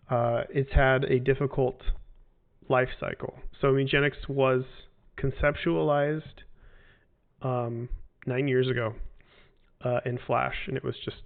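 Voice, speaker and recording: This game developer in his forties fields fan questions during a casual livestream Q&A, his mid-range voice gravelly and tinny. He rambles and hesitates, stacking up fillers and false starts, over phone-like audio.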